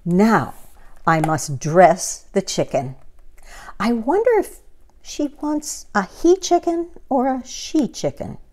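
A woman's voice: medium pitch, expressive, takes it slowly, a little mellow, voice pushed up. A woman voicing a cheerful, earnest, literal-minded housekeeper in a storybook reading, innocent and eager to please. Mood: pondering.

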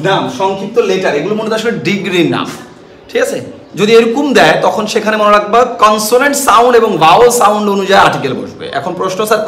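A man's voice: sits high, fairly bright tone. A young male teacher with a Bangladeshi accent giving an online grammar lesson, explaining step by step and often asking his students questions. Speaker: school English teacher. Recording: echoey room with faint hiss.

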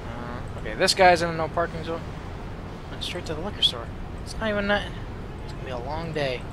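A man's voice: on the high side, lively intonation, a little fast, noisy background. A man giving casual, sarcastic gameplay commentary with plenty of swearing. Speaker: gamer.

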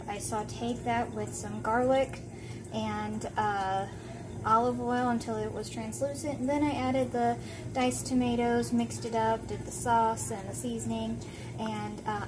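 A woman's voice: on the high side, noisy background. A woman talking casually through a cooking vlog in her home kitchen, rambling with plenty of fillers. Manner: chatty, rambling, with frequent fillers. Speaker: vlogger.

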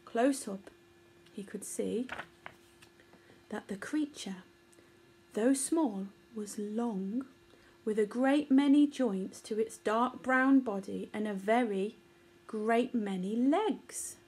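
A woman's voice: on the high side, takes it slowly, pauses often, a little mellow. Woman reading a children's story. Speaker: narrator.

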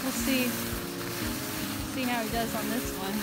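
A young American woman in her twenties vlogs to a handheld camera held at arm's length, chatting animatedly and casually in a car, at home, and on a ski slope at night. Her voice is fairly high, steady in tone, and measured in pace. Loud music plays behind her, and the audio quality is poor.

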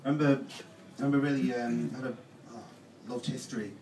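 A young man doing stand-up in a halting, deadpan way full of ums. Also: mid-range voice. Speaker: stand-up comedian. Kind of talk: stand-up comedy set. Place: comedy club stage. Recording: roomy live club, distant mic, noisy.

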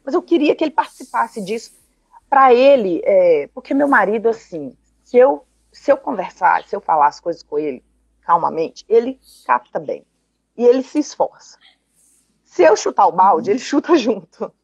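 A woman's voice: fairly high pitch, big pitch swings, normal speed, vocal fry, husky, no room sound. A woman caller in a Q&A, talking at length about her family and quoting the conversations she had. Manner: talkative, recounts dialogue, laughs often. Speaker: caller asking for advice. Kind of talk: personal account in a live Q&A.

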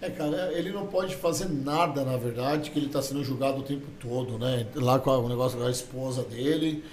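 Hosting a casual podcast, this Brazilian-accented man sounds emphatic and preachy, adding opinionated, sermon-style asides. His voice is mid-range, brisk, and slightly mellow, recorded in an echoey room with a faint background hum.

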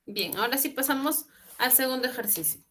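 Animated and fairly quick, with a high, fairly bright voice, a young English teacher patiently explains exercises in an online lesson, moving between Spanish and English. She's on a video call from a small home room, heard through her laptop webcam.

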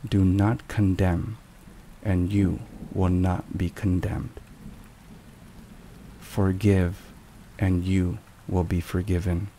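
With a warm, level tone, a low-voiced man reads a solemn ASMR script very slowly and carefully. The backdrop is a clearly audible thunderstorm with rain, and there's slight background noise.

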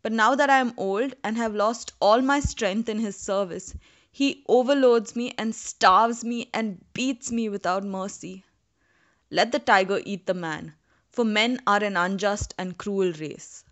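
A woman's voice: mid-range voice, unhurried, fairly bright tone, lightly acted. A woman voicing an old, overworked male camel complaining of his cruel master. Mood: bitter. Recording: dull lo-fi recording.

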